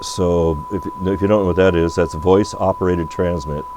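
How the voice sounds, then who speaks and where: This radio repair presenter speaks at normal speed in a low voice with fairly even intonation, thinking aloud through a spontaneous, hands-on demo at his electronics bench. Electrical hum and noise come through the recording.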